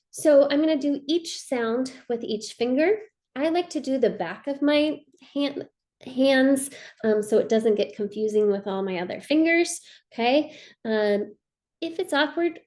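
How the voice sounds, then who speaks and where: A woman trainer explaining a spelling dictation routine to teachers, checking in with a frequent "okay?" and slowing down to say the dictation words clearly. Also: a little high, darkish tone. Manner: slows down to enunciate dictation words. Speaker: literacy trainer. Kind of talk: instructional training video.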